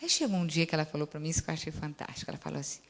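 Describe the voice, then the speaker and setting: A woman's voice: low-pitched, rapid-fire. A woman with a Brazilian accent, a therapist giving a lecture and telling case stories, who often acts out the dialogue and keeps checking in with "né?". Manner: lively storyteller, acts out dialogue, frequent "né?" tags. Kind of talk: lecture with anecdotes, audience Q&A. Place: lecture hall. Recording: long hall reverb.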